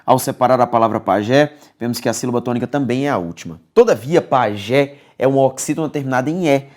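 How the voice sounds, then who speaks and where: This exam-prep grammar teacher is a man with a Brazilian Portuguese accent and a mid-range voice who talks at a quick pace. He coaxes his students in a lively way, repeats important words, and checks in frequently with "beleza?"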